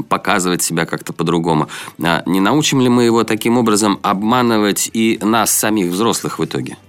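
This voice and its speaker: A man hosting a radio talk show, asking questions and presenting a segment in an animated way. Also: deep voice, clean tone. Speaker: radio host.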